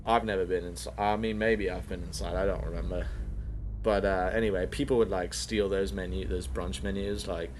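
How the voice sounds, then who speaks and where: A man's voice: low voice, steady tone, brisk, a little mellow, a little hiss or hum. A man telling a rambling comedic story as a podcast host, full of fillers and swearing, sometimes far from the mic.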